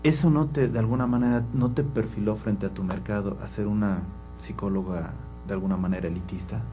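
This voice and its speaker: A man's voice: on the low side, a little fast, over music, rough recording. A man hosting a talk show, asking questions with curiosity and a playful teasing edge. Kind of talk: interview questions.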